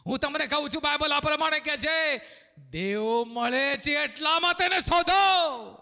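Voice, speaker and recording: A male pastor preaching a sermon, swinging between shouted lines and hushed low ones. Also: expressive, moderate pace, in a large hall.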